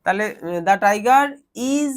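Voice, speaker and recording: A man's voice: high-pitched, lively intonation, slow pace. A man teaching a grammar lesson in a classroom, explaining step by step and quizzing his students as he goes.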